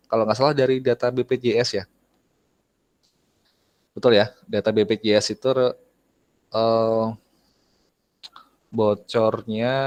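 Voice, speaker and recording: Male teacher, online lesson, lowish voice, very dry sound, chatty and quizzing the class. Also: no echo. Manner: chatty, asks students questions, clears throat often.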